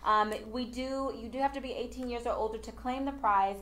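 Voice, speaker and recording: An upbeat woman hosts a casual live studio stream, her voice sitting a little high. She talks in a promotional way and fills her pauses with frequent ums. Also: steady tone, a bit bright. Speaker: host.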